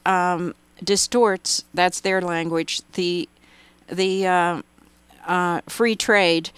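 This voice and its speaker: A woman's voice: on the low side, steady tone, very slow, clean tone, dry recording. A woman speaking as a guest in a radio interview, giving long run-on answers with emphatic asides. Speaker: interview guest, policy commentator.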